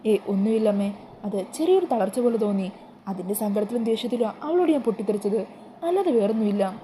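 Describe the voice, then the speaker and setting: A woman's voice: medium pitch, animated, fast, warm tone, a little hiss or hum, close to an everyday voice, rough recording. A woman voicing an irritable, troubled middle-aged mother in a retold TV serial. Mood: evasive. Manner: curt, snapping.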